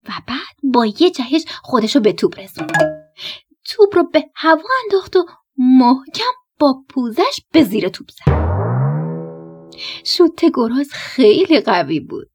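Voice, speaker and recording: A woman narrating a bedtime story for children in an animated, playful way. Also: sits high, over music. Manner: animated, playful, breaking into laughter.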